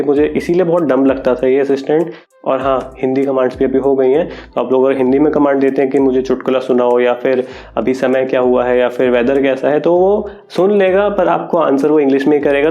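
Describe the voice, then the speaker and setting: A young man with a chatty, relaxed manner, casually explaining phone features in a vlog and thinking aloud as he goes. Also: mid-range voice. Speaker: tech YouTuber. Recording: dull lo-fi audio.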